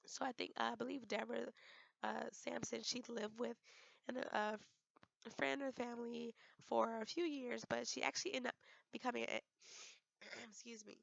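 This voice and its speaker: Hoarse young woman doing a class presentation, super gravelly, dry muffled sound, lots of ums. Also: a little high, fairly even intonation, no room sound. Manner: halting, many ums and restarts. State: hoarse from a cold. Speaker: student presenter.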